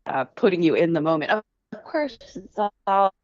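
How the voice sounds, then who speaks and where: A woman's voice: fairly low pitch, expressive, moderate pace, a little mellow, no echo. A woman on a remote podcast call whose audio keeps breaking up and dropping out, speaking casually and bluntly. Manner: blunt, casual, swears freely. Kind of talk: casual chat. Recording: dull lo-fi call line.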